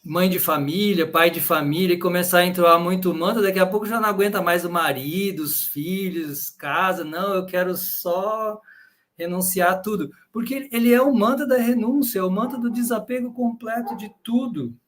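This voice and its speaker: A man's voice: high voice, fairly quick, hardly any pauses, fairly bright tone. Brazilian man explaining with frequent "né?". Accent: Brazilian Portuguese. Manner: explains patiently, frequent tag questions. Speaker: lecturer on bhakti yoga. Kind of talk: explanatory talk to a live audience.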